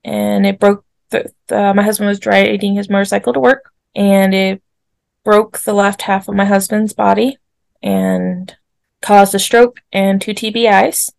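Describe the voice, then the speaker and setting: A woman in her forties telling a personal story on a podcast, animated and laughing often as she acts out what people said. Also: mid-range voice, measured pace, creaky, no room sound. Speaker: podcast guest. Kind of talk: casual storytelling.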